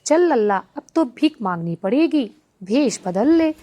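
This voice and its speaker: A woman's voice: a little high, very animated, measured pace, warm tone, a little hiss or hum. A woman voicing a hearty, bossy elder brother god who talks in a blunt, rustic, grumbling way. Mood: resigned.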